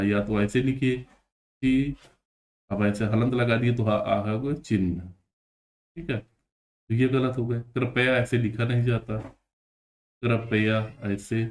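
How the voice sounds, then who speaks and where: A man walks students through spelling questions one by one. He explains each answer patiently and repeats the words slowly. At times he stretches them out syllable by syllable. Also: mid-range voice, a little mellow. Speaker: teacher. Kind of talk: exam-prep spelling lesson.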